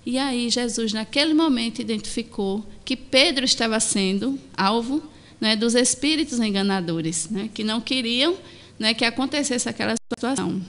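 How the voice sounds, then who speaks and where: A woman's voice: on the high side, normal speed. A woman speaking as a radio guest, explaining religious teaching and tagging almost every phrase with a questioning "né?". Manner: tags nearly every phrase with "né?". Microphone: studio microphone.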